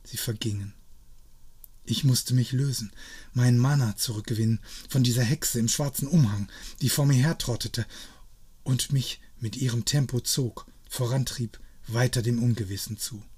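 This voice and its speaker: A man's voice: medium pitch, fairly even intonation, moderate pace, a little mellow, breathy edge. A man narrating stories aloud in a dry, wry reading style. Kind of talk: scripted story reading.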